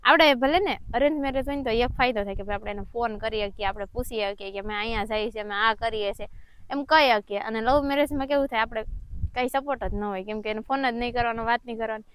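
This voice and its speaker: A woman's voice: a little high, fast, fairly bright tone, clean tone. A young woman, earnestly telling her own story in a casual vlog chat. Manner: earnest, personal, heartfelt storytelling. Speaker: vlogger.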